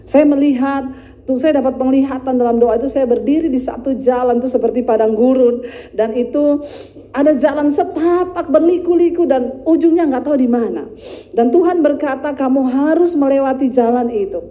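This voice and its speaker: High-voiced, lively woman preacher. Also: normal speed, highs cut off. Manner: animated and humorous, acting out dialogues. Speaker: pastor. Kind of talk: sermon.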